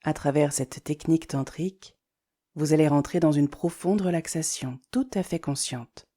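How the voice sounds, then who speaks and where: With a voice that sits low, she steers a yoga nidra relaxation, speaking slowly and soothingly and pausing with care between each calm instruction.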